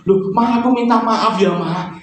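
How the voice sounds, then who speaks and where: A man's voice: sits high, normal speed, distant mic, background noise, pitched above the performer's own voice, natural voice. A man voicing a small boy apologizing to his mother in a pleading childlike tone, in an echoey church hall.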